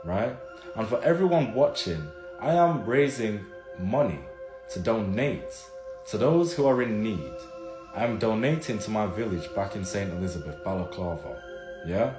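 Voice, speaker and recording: Speaking at normal speed with a fairly low pitch and lively intonation, this vlogger, a man of Jamaican and Turkish descent living in the UK, makes an earnest direct-to-camera appeal. He urgently warns his audience and keeps repeating his pleas, while loud music sits under the roomy-sounding audio.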